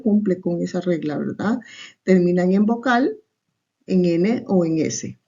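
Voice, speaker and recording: A woman's voice: medium pitch, darkish tone. A woman teacher with a Salvadoran Spanish accent, giving a recorded online class and explaining step by step, often tagging on a questioning aside. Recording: muffled lo-fi recording.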